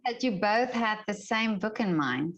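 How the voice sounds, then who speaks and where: A woman's voice: mid-range voice, expressive, measured pace, muffled recording, a little hiss or hum. A woman interviewing two guests, asking questions with many fillers and encouraging murmurs. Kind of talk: casual interview.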